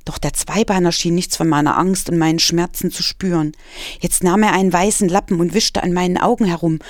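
A woman's voice: fairly low pitch, fairly even intonation, a little fast, no room sound. Woman reading her story aloud, dry close sound. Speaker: author.

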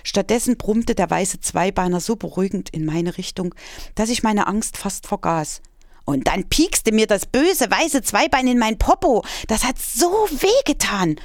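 A woman author reading her own children's story aloud in an expressive storytelling manner. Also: mid-range voice, moderate pace, dry recording, studio quality.

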